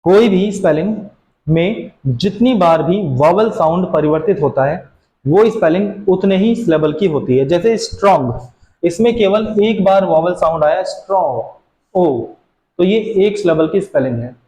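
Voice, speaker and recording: A teacher with a high, mellow voice walks students through grammar rules, often asking a question and then answering it himself. His voice carries the echo of a bare room. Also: animated, normal speed. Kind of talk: classroom grammar lesson.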